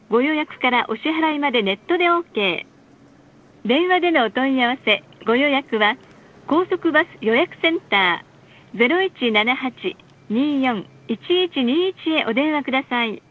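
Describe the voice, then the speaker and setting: This recorded bus announcement features a female voice, very high and lively in intonation, delivering scripted stop calls and ad reads with polite, formal, carefully measured diction. It comes through a narrow onboard speaker, so the sound is muffled and lo-fi.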